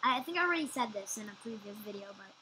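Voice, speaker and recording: A woman chatting casually while playing a computer game at home, quick to agree and often trailing off mid-sentence. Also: medium pitch, lively intonation, bright, forceful tone, slight background noise, low-quality recording. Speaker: gameplay channel co-host. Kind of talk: casual gameplay chat.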